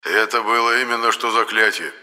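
A man's voice: lowish voice, steady tone, a little fast, pushed and bright, big-room sound, pitched above the performer's own voice. A man voicing a blunt, crude male ghost skeleton in an audiobook. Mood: gruff. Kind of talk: audiobook character voice.

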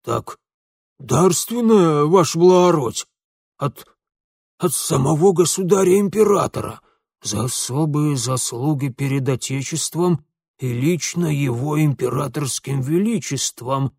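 A man's voice: on the high side, expressive, a little slow, vocal fry, darkish tone, husky, no echo, studio quality, heavily acted. A man voicing an obsequious rustic village police sergeant who whines and grovels. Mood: awed stammering. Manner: whining, obsequious.

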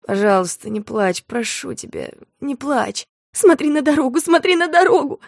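A woman doing a terrified young woman, shrill. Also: fast talker, no room sound, clean studio sound, lightly acted. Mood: screaming. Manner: high, shrill, tearful pleading. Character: frightened young woman begging a driver to stop.

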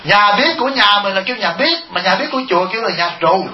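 A man's voice: high-pitched, animated, quick pace. A male Buddhist monk giving a humorous dharma talk, asking the audience rhetorical questions and chuckling. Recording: echoey, muffled hall recording.

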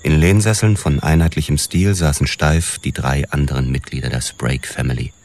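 For a radio drama, an actor with an extremely low voice plays a world-weary police detective narrating his own story. He's measured and deadpan, observant and dry.

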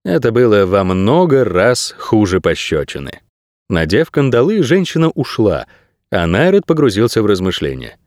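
A male audiobook narrator reading with expressive storytelling. His pitch rises and falls in a lively way, at a middle height for a man. The recording is dry and close, with no room sound. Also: no room sound. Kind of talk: scripted narration.

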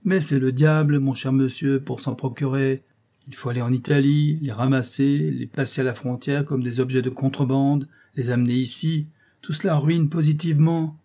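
A gruff, blustering former cook, quick to grow defensive, as a man reading the novel puts him on. His voice is husky and dark, and he bristles as he talks. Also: mid-range voice, fairly even intonation, pitched above the performer's own voice, natural voice. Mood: grumbling. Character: blustering middle-aged male ex-cook, defensive. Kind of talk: audiobook character voice.

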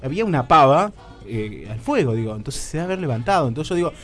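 A young man with a Rioplatense accent tells a comic story on air, acting out his own lines and using crude slang. His voice sits a little high and swings up and down all the time. Music plays softly behind him. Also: very animated, fast. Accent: Rioplatense Spanish. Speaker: radio comedy host telling a story.

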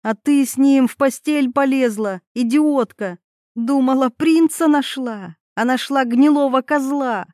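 A woman's voice: high voice, unhurried, hardly any pauses, darkish tone, no room sound, studio quality, pitched above the performer's own voice. A woman voicing a hysterical, jealous young woman who screams insults in a storybook reading. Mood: shrieking furious.

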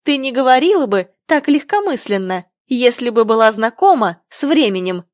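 A woman's voice: a little high, big pitch swings, normal speed, darkish tone, no echo, studio quality. A woman reading the lines of a cheeky know-it-all boy in a storybook, teasing and mocking.

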